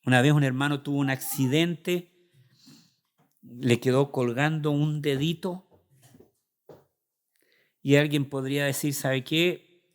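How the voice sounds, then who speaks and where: A man's voice: medium pitch, steady tone, measured pace, pauses often. A male pastor with a Chilean Spanish accent preaching a sermon in an earnest, confessional way, acting out his own prayers and doubts.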